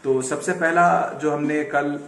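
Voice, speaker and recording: A man teaching English pronunciation in an online lesson, patiently repeating words slowly as drills and mixing in English terms. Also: a little high, steady tone, echoey room. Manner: mixes Hindi-Urdu with English words.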